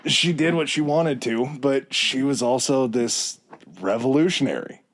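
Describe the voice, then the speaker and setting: A man hosting a podcast, telling a story in a relaxed, chatty way with fillers and asides. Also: mid-range voice, measured pace. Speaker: podcast host. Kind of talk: casual chat.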